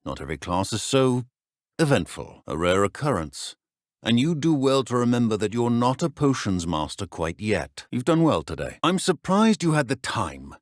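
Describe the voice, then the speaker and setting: Casting: male actor as formal, stern British wizarding professor, dry wit, expressive intonation, close studio-dry game dialogue. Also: medium pitch, no echo, lightly acted. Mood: stern, measured, then dry, admonishing. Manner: measured, formal, dry, admonishing. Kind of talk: scripted video game dialogue.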